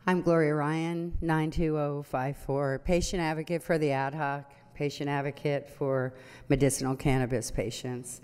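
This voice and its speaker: A woman's voice: low voice, fairly even intonation, moderate pace, darkish tone, smooth. A middle-aged woman giving an earnest, somewhat nervous public comment at a city council meeting, speaking into a podium microphone in a large chamber. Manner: earnest, pleading, a little nervous. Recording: long hall reverb from the chamber.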